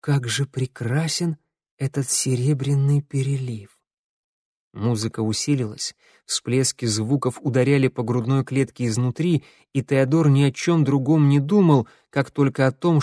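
A man narrates an audiobook in a slow, measured way, letting dramatic pauses hang between phrases. His voice sits at a middle pitch and is captured close on a studio mic with a completely dry sound. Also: mellow, dry recording.

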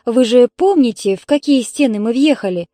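A woman's voice: fairly high pitch, animated, moderate pace, dark tone, no echo, close to an everyday voice. A woman reading as a good-natured middle-aged man, a musician neighbor who shrugs off complaints. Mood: easygoing. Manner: easygoing, unoffended.

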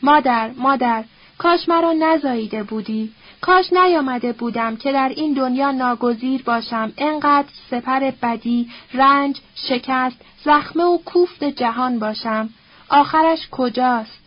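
A woman reading a bitter young man. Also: sits high. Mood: despairing. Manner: curt, stern. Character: weary, bitter young man, tense and proud. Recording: dull lo-fi recording.

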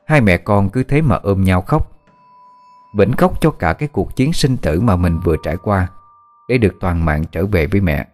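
A man narrating a dramatic story in a steady, measured storytelling manner. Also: low-pitched.

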